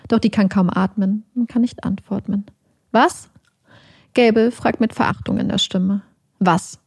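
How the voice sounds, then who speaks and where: A woman reading a scripted narration in a calm, measured, matter-of-fact way. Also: medium pitch, gravelly, breathy edge, dry recording, clean studio sound.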